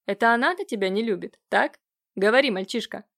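Woman doing a grumpy jealous old uncle, hoarse, scolding, pitch jumps up when he gets worked up. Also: fairly quick, a bit bright. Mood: jealous, scornful. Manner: hoarse, scolding, rising to exclamations. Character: agitated older nobleman uncle, jealous and nagging.

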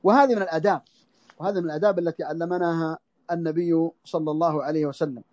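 A man's voice: fairly high pitch, steady tone, racing, a little mellow, dry recording, dull audio. A man teaching a religious text in a lesson, often repeating phrases for emphasis. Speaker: Islamic scholar teaching a text. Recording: audio lesson over the internet.

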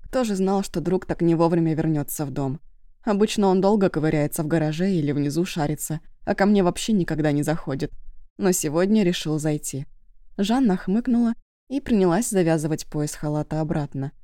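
A woman narrating an audiobook in the first person, steady and conversational, close to the mic. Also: sits low, brisk, no echo.

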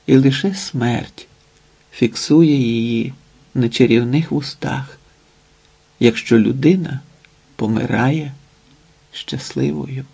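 A man narrating an audiobook novel in a slow, measured reading. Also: medium pitch, creaky, warm tone, husky. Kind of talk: scripted narration.

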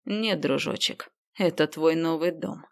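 A woman voices a grumbling, sly male doctor in an audiobook. He mutters complaints and turns menacing. A gruff, sneaky manner. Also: lowish voice, steady tone, normal speed, lightly acted.

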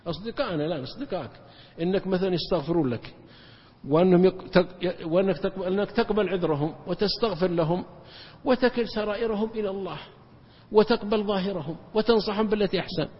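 Male preacher, emphatic rapid-fire lecturer, husky tone, dull hall recording. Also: high-pitched. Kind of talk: religious lecture storytelling.

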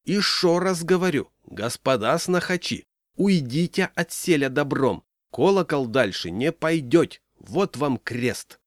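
A man voicing a burly bearded village man, shouting commands in folksy rustic speech. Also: a little high, animated, a little slow, no echo, studio quality, pitched above the performer's own voice. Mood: commanding.

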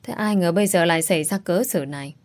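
A worried middle-aged mother, sighing and scolding over the phone, voiced by a woman reading the story. She speaks in a lowish, motherly voice in an audio storybook. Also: fast, a little mellow, natural voice.

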